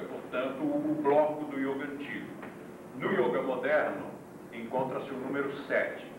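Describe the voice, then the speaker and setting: Man, yoga teacher lecturing, old VHS tape, very echoey room, hissy noise. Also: on the high side. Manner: deliberate, explains terms one by one, with asides to the class. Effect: old VHS tape recording. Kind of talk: classroom lecture. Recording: echoey, distant, noisy old VHS recording.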